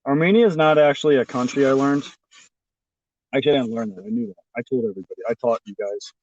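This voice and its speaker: A man's voice: mid-range voice, fast, a little mellow. A man live-streaming to his chat from city streets, talking in a casual, profane, rambling way with lots of fillers, recorded on his phone. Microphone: phone held by the streamer. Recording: slightly dull lo-fi phone audio.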